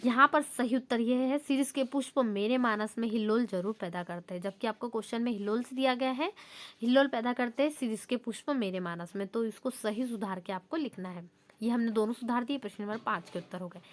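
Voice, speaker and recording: A young woman with a fairly high voice works through exam questions one by one like a patient teacher. She reads the sample sentences aloud, then explains them in a steady, explanatory tone. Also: a little fast.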